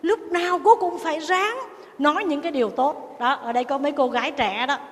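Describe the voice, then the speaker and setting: A Buddhist nun giving a sermon, telling stories and acting out the people in them. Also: female voice, high voice, a little fast, long reverb tail. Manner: storytelling, acting out family quarrels.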